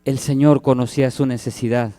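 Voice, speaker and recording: A man's voice: medium pitch, fairly even intonation, brisk, warm tone. A man, preaching a sermon as pastor, who acts out the cries and quoted voices in his story.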